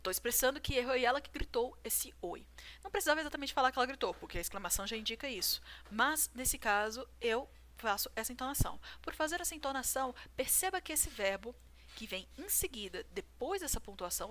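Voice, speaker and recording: A woman's voice: on the high side, lively intonation, fast talker, a bit bright, a little hiss or hum. A woman explaining grammar rules to a viewer, working through examples and checking in with "right?". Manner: talks through examples, asks "certo?". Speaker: writing teacher.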